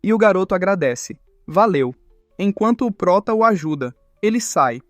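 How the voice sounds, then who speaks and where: A man narrating a manhwa recap in a brisk, matter-of-fact retelling. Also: sits high, animated, dry recording, studio quality, faint music behind.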